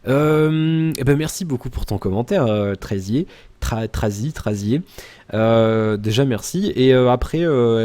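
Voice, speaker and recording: Rambling French-speaking man, soft mellow voice. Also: lowish voice. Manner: rambling, many "euh" fillers and restarts; addresses the viewer informally. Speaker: YouTuber answering viewer comments. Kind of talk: casual daily vlog chat.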